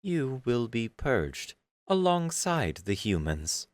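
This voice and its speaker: A man's voice: medium pitch, big pitch swings, takes it slowly, no room sound, voice pushed up. A man voicing a merciless alien avatar, speaking with precise mechanical coldness in an audiobook story. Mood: cold menace.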